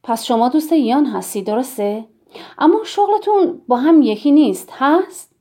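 A woman's voice: high-pitched, animated, dark tone. A woman reading the lines of a scornful, jealous middle-aged man in an audiobook, asking condescending questions. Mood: sneering.

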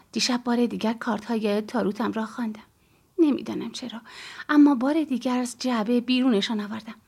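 Calm woman reading an audiobook. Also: fairly high pitch. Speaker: audiobook narrator. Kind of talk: first-person audiobook narration.

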